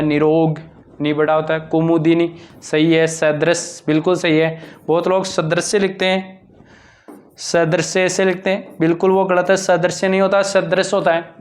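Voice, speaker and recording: A male teacher giving an exam-prep grammar lesson, with a lilt, drilling answers and asking and answering his own questions. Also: on the high side.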